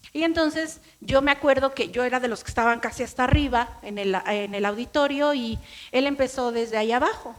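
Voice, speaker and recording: With a high, slightly bright voice, this middle-aged pastor delivers a sermon built around her own testimony. She speaks with a Mexican accent, narrating conversationally and replaying her past words as she goes.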